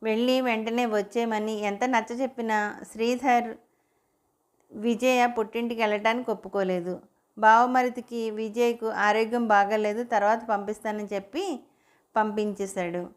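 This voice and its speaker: A woman reading a romantic story aloud in a steady, even narration. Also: on the high side, moderate pace, smooth.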